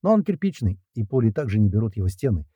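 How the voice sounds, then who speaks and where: Husky man narrating an action audiobook. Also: on the low side, big pitch swings, fast talker, no room sound, highs cut off. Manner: tense action narration, dialogue read aloud. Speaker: audiobook reader. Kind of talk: first-person audiobook narration.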